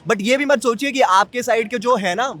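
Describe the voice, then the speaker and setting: A young man giving his opinion in a street interview, calm and measured, slipping English phrases into his talk. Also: very high-pitched. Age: young adult. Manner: measured, mixes English into speech.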